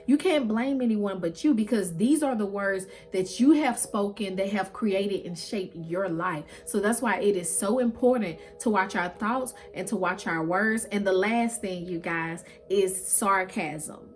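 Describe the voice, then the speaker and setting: A woman's voice: medium pitch, a little slow, hardly any pauses, faint music behind. A woman with a mid-range voice delivers a casual motivational talk straight to her viewers. She is emphatic and encouraging with a touch of preaching, leaning on repeated phrases to press each point. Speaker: host, motivational speaker.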